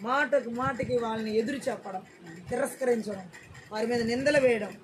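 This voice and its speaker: A preacher delivering a church sermon, repeating phrases and urging the congregation to say amen loudly. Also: mid-range voice, a little fast, noisy background. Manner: repeats lines and calls for loud amens.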